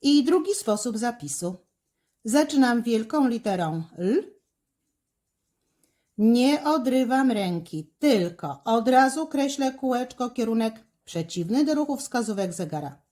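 Lady teacher narrating handwriting strokes step by step, kinda high voice, slow and careful. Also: expressive, dark tone. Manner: slow, careful, instructive, with fillers. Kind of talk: handwriting lesson with step-by-step commentary.

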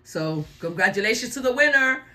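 A woman's voice: mid-range voice, lively intonation, fairly quick, bright, forceful tone, low-quality recording. A woman hosting casual scratch-card play-along commentary, calling out numbers in short phrases. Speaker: host of a lottery scratch-off channel.

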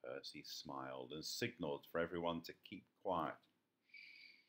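Deep-voiced man reading a children's story. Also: moderate pace. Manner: expressive, sing-song storytelling with small slips. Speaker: storybook reader.

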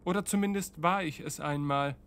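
A man voicing a bitter, vengeful godlike entity in a low, hushed half-whisper. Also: moderate pace, clear, resonant tone. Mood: cold hushed.

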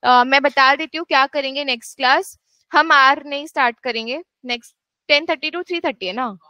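An actuarial exam tutor with a high-pitched, pushed, bright voice lectures briskly to a class, mixing Hindi and English and making firm asides to her students. There is no echo.

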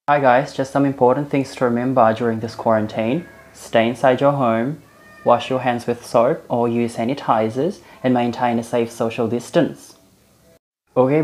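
A man in his twenties from the Philippines giving a scripted comic presentation straight to camera. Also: medium pitch. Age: 20s. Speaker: comedy content creator. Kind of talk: scripted skit narration to camera.

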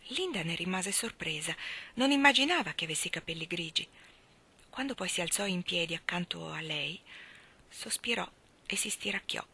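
A woman reads a literary story aloud with a measured, expressive delivery. Her voice sits low yet sounds bright and clear, and she often sinks into a hushed near whisper. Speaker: narrator. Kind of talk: storybook reading.

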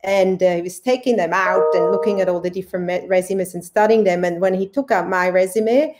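A woman in her forties from Switzerland speaking on a video call from home, telling stories in a lively way with many fillers and restarts. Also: lowish voice, fairly quick, loud music behind the voice. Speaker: panelist. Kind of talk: panel talk on a video call. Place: home room indoors. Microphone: webcam at desk distance.

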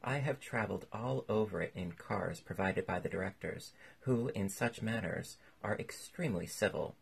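A man's voice: low voice, moderate pace, vocal fry, slightly rough, heavily acted. A man reading aloud voices a pompous, long-winded older politician with a lecturing manner.

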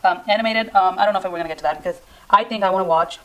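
A woman's voice: mid-range voice, very fast, poor audio. A young woman vlogger chatting casually at home, rambling and self-deprecating, with a melodramatic, pleading way of talking. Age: young adult. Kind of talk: casual chatty challenge vlog. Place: indoors in a room at home.

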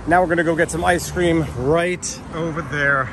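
A man's voice: on the high side, steady tone, moderate pace, background noise. Bearded man vlogging outdoors, playful. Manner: playful, wry, chatty with his kids. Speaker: family vlogger. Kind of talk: casual family travel vlog. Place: outdoors at a campsite and roadside. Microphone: handheld camera at arm's length.

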